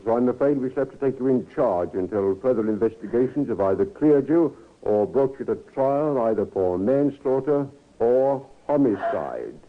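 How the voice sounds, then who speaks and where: An actor playing a formal, methodical police inspector with a measured, probing manner, in old-time radio style on a tinny recording. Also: male voice, medium pitch, expressive, a little hiss or hum, natural voice.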